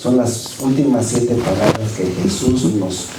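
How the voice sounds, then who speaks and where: A man speaking as a pastor, introducing the next speaker at a church service, quick and repeating words as he goes. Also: medium pitch, reverberant, far from the mic, heavy background noise.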